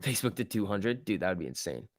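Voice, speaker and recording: A man's voice: on the low side, very animated, fast talker, no echo, clean studio sound. A man giving casual live market commentary as a stock trading streamer, reading out chat in slangy, repetitive bursts. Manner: informal slangy muttering to himself, repeats words.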